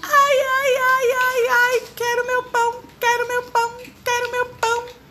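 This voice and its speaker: A woman's voice: completely flat delivery, a little slow, heavy background noise. Woman doing a squealing crying monkey. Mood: wailing, crying. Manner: high whiny crying wail. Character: wailing childlike male monkey, tail lost. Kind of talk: storybook read-aloud.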